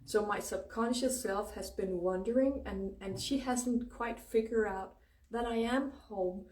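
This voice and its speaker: Danish lady w danish accent chatting spiritual stuff, mellow voice, sweary and informal, echoey room. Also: mid-range voice. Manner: informal, freely swearing, emphatic pauses. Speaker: spiritual astrology host. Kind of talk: casual spiritual livestream talk. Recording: roomy echo, distant microphone.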